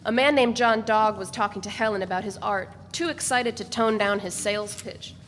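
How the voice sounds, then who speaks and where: A woman with a medium-pitched voice reads a novel dramatically at a normal speed, narrating in the first person. The hall is echoey, with faint background noise.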